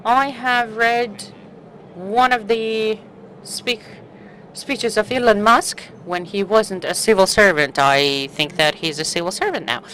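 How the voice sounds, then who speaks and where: Female conference interpreter, mid-range voice, unhurried and halting delivery. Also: medium pitch, a bit bright, slight background noise, low-quality recording. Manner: halting, broken-up phrasing with pauses mid-sentence. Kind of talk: live simultaneous interpreting.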